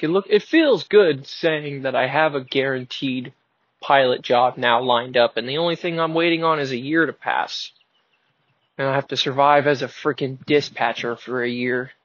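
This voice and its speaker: A young man in his early twenties talks to himself in a casual solo vlog, thinking aloud with a wry, self-mocking edge. His voice sits a bit high for a man. The recording is dull and lo-fi, as if captured in a car. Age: 20s. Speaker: podcast host. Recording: dull lo-fi sound.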